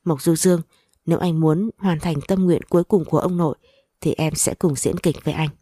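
An emotional young heroine in a storybook romance, tearful and unsure, as the narrator voices her. The lines sound low and mellow in a dry, close recording. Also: fairly even intonation, fairly quick, dry recording. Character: young woman, emotional and uncertain in love.

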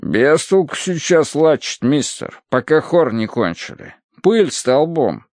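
A man reading an audiobook voices a surly workman who talks slowly and gruffly, brushing off complaints. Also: a little high, very animated, a little mellow, dry recording, clean studio sound, pitched above the performer's own voice. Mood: dismissive. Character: surly, indifferent working man.

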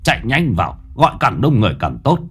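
A man voicing an old village man who speaks with gruff urgency. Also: extremely low pitch, very animated, normal speed, a little mellow, pitched below the performer's own voice, heavily acted. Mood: urgent.

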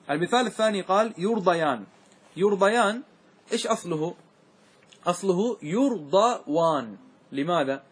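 Husky man teaching a grammar class. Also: on the high side. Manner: asks students questions and repeats answers.

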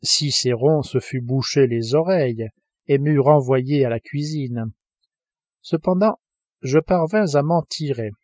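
A man narrating an audiobook with a measured, expressive delivery. His voice is of middle pitch and sounds close, with a dry, unechoing room. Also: no echo. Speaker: audiobook reader.

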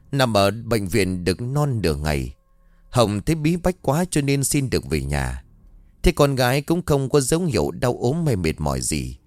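Male storyteller, animated delivery, dry close sound. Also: lowish voice, dry recording. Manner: dramatic, expressive storytelling. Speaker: narrator. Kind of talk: scripted story narration.

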